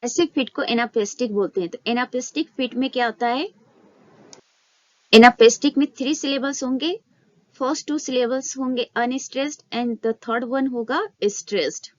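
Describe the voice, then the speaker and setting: A woman teaching an exam-prep literature lesson, explaining in a Hindi-English mix, asking questions and answering them herself, and reading English statements slowly. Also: high-pitched, no echo. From India. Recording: slightly dull, dry sound.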